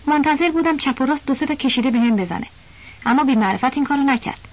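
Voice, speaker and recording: A woman narrating a novel as an audiobook, telling it in a steady, plain first-person voice. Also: high-pitched, lo-fi sound.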